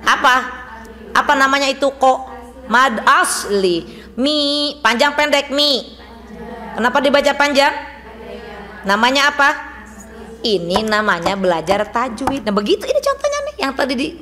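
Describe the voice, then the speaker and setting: A woman's voice: high voice, animated, sharp tone. A woman teaching Quran recitation rules to a women's study group in a mosque, quizzing the class as she goes. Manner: brisk, asks the class questions and drills responses.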